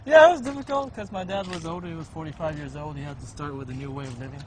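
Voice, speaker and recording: A man in his thirties, born in Vietnam and raised in Texas, answering interview questions outdoors in a halting, plainspoken way with many fillers. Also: a little high. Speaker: interview guest. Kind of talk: casual conversation. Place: outdoors in a residential street.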